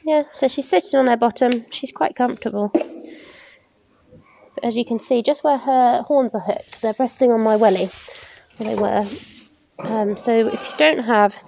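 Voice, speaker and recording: A young woman with a fairly high voice talks through livestock chores in a practical, unhurried way, dropping in frequent ums as she works with her hands. She is recorded by a camera a few metres off, outdoors in a paddock and inside a large open farm barn. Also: vocal fry, a little mellow, a little hiss or hum. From England. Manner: practical, explains while working, frequent "um". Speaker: livestock keeper. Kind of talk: casual farm demonstration.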